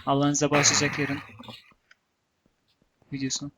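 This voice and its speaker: A man's voice: a little high, completely flat delivery, normal speed, bright, forceful tone, a little hiss or hum. A man hosting a casual game video in a chatty way, with frequent fillers between thoughts. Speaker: gaming channel host. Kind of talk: casual let's-play chat.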